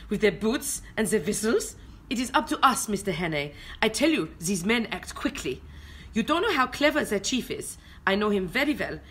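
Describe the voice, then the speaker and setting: Her voice sits in the mid-range with a fairly bright, sing-song quality at a moderate pace as she voices a grave, melodramatic foreign spy who drops German exclamations into an amateur radio drama. The mood stays insistent, and the home recording is audibly noisy.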